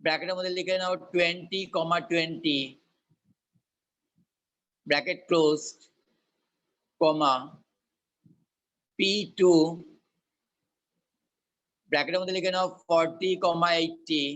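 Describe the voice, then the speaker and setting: A man's voice: on the high side, steady tone, extremely slow, long pauses, fairly bright tone, low-quality recording. A male teacher with a Bengali accent dictating to a class word by word, repeating and spelling things out.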